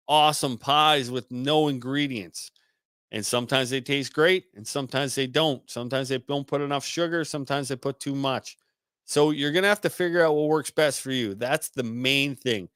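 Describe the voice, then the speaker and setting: A man's voice: medium pitch, fairly bright tone, clean tone, dry recording, studio quality. Laid-back swearing man chatting on a live stream. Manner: repeats words as he restarts. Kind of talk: casual live-stream chat reading comments.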